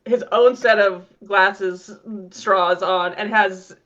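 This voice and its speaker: A woman's voice: medium pitch, fairly even intonation, slow pace, fairly bright tone. A woman playing a tabletop role-playing game, playful and laughing as she describes her character. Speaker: player. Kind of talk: casual tabletop role-play. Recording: dull lo-fi mic.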